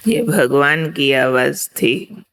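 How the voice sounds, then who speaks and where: A woman spiritual teacher giving a class, explaining deliberately and telling a parable, checking in with her listeners. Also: deep voice, animated, a bit bright. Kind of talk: spiritual discourse with storytelling.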